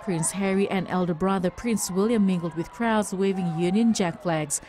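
A woman's voice: on the low side, normal speed, darkish tone, slight background noise. Woman reporter doing scripted news voiceover, faint ambience behind her.

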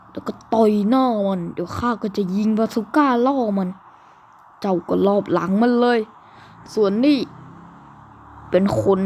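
A woman's voice: mid-range voice, a little mellow, a little hiss or hum, close to an everyday voice. A woman doing a bossy army commander. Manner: commanding, archaic pronouns. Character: bossy male army commander giving orders.

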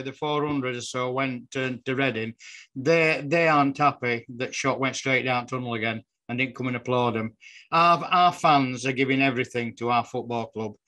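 A man's voice: mid-range voice, moderate pace, pushed and bright, poor audio. A man on a video call joining a casual football chat as a panelist, indignant and clipped.

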